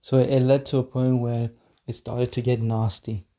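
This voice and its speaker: A man telling a story to the camera in a casual vlog, rambling and halting, repeating words and swearing casually. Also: mid-range voice, little pitch movement, warm tone.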